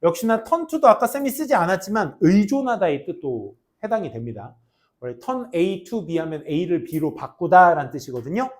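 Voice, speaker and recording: A man teaching an English class to high school students, mixing grammar explanations with jokes and teasing. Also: moderate pace. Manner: animated, jokey, teasing students between grammar points. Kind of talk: classroom lecture with banter.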